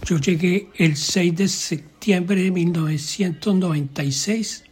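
An older man, a grandfather giving short, halting answers. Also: sits high, slight background noise. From Colombia. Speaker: grandfather interviewed.

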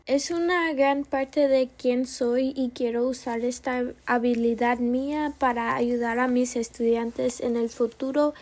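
Her voice sits high and sounds mellow as this young adult American student hosts a podcast for her class. Her delivery is slow and careful, with occasional small corrections of herself.

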